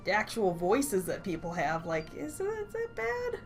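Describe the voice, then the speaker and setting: A woman's voice: medium pitch, huge pitch swings, normal speed, soft background music. A woman co-hosting a game let's play, chatting casually in a rambling, hesitant way. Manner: rambling, hesitant, many fillers. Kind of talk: casual chat over gameplay.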